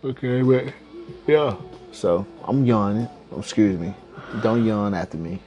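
A man's voice: on the low side, normal speed, warm tone, highs cut off, faint music behind. A man hosting a casual podcast from home, rambling along in slang and swearing freely. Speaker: podcast host. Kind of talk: casual chat.

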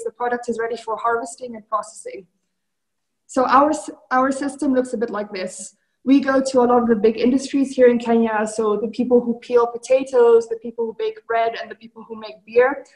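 A woman founder delivering a prepared investment pitch in a structured, presentational way. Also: darkish tone, low-quality recording.

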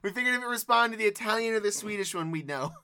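A man's voice: sits high, animated, pushed and bright, heavily acted. A man playing a pushy pregnant wife. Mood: joking. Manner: pushy, rushed, giggly. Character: pregnant young wife, impatient and bossy. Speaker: improv performer. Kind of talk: improv comedy scene.

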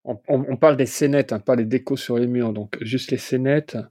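A man's voice: medium pitch, fairly even intonation, normal speed, dark tone, dry recording, clean studio sound. Chatty man thinking aloud. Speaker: podcast guest, quiz contestant. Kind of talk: casual podcast chat.

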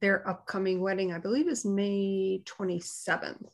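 A woman co-hosting a morning livestream, chatting casually in a reflective, halting way. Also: mid-range voice, fairly even intonation, vocal fry. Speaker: co-host of a sisters' morning livestream. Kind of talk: casual chat.

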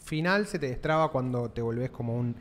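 A man's voice: mid-range voice, brisk, slight background noise. An Argentine man co-hosting a podcast, asking curious questions in casual slangy chat. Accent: Argentine Spanish. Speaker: podcast co-host.

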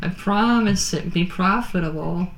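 A woman's voice: on the low side, echoey room, slight background noise, low-quality recording. Woman putting on a sultry, seductive starship captain. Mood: sultry, enticing. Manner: sultry, drawn-out seductive delivery. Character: sultry, self-assured female star cruiser captain. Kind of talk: sultry in-character narration at a tabletop game.

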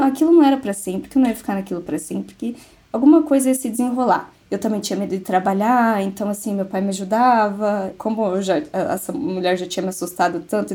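A woman's voice: medium pitch, warm tone. A woman with a Brazilian Portuguese accent, a guest who tells a personal story in casual conversation and acts out the dialogue in it.

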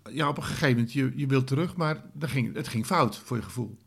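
A man's voice: mid-range voice, quick pace, creaky, breathy edge. A man interviewing a guest, probing and often repeating the answers back. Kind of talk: interview questions.

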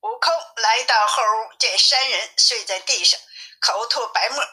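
A woman reading a classic tale aloud as a storyteller, in a plain, even manner. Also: on the high side, unhurried, husky.

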